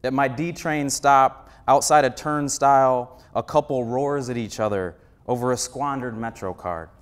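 A man in his thirties, a poet, reading his own poem slowly and emphatically on stage at a stand mic. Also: mid-range voice, clear, resonant tone. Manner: slow, emphatic poetry reading. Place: theater stage.

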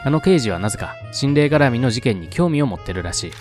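A man's voice: medium pitch, sing-song, fast, darkish tone, soft background music. A man narrating a horror game's story aloud with chatty asides. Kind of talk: reading aloud with casual asides.

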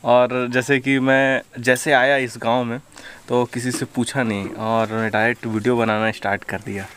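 A young man from Chhattisgarh, talking into a phone camera held at arm's length as he walks through a village and asks people quick, curious questions. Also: mid-range voice, little pitch movement, fairly bright tone, slight background noise. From Chhattisgarh, India. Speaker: travel vlogger. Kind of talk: casual walking vlog with interviews. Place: outdoors in a rural village.

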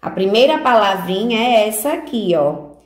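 Guiding little ones stroke by stroke through their letters in a remote class, a Brazilian teacher uses a slow, sing-song voice rich in diminutives. Her pitch is mid-range and her delivery expressive.

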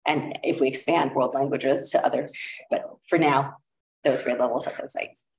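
This woman has a bass voice with a darkish tone, fairly even intonation and a moderate pace. She's a district administrator presenting a curriculum recommendation at a school board meeting in a casual, filler-heavy way. The room echoes and the mic is far away.

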